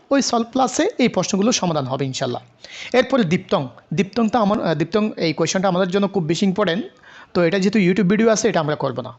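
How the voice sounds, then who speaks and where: High-voiced man tutoring exam questions. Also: dull audio. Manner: mixes Bengali and English, many filler pauses, repeats himself. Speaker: online English literature tutor. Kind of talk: exam-prep lecture going through a question list.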